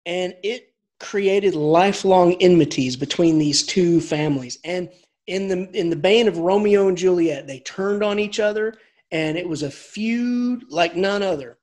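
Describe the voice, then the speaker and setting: In a high-pitched voice and at a measured pace, a man lectures on English in an animated, informal manner. He restarts sentences frequently and chuckles as he goes off on asides.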